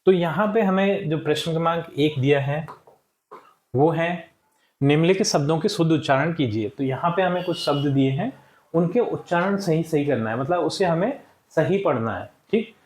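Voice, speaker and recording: A male teacher walking young pupils through textbook answers, saying each word slowly for them to repeat and often checking in with "ठीक है". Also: fairly high pitch, a little mellow, echoey room. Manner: slow and deliberate, checks in with frequent "ठीक है". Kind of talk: classroom lesson walkthrough.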